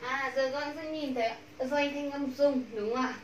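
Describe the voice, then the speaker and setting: A Vietnamese woman teaching English pronunciation to a class, drawing out model words slowly and repeating them. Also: high voice, fairly even intonation, far from the mic, highs cut off. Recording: echoey room, voice from off mic, faint background hum.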